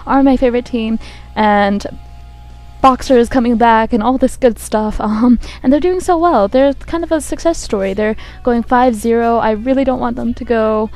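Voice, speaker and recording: A woman with a croaky voice from a cold gives hesitant esports commentary, thinking aloud as she goes. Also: on the high side, normal speed, darkish tone. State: has a cold. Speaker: game commentator. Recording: buzzy microphone.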